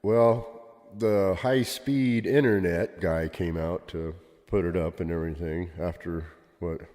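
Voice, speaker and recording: A man's voice: deep voice, steady tone, unhurried, darkish tone. An older man co-hosting a podcast, telling stories in casual chat, with cave-like reverb on his voice. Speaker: podcast co-host.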